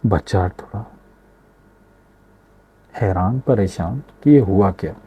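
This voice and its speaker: A man's voice: low-pitched, slow, husky, lo-fi sound. A man telling a moral story, speaking directly and unhurriedly to his listeners.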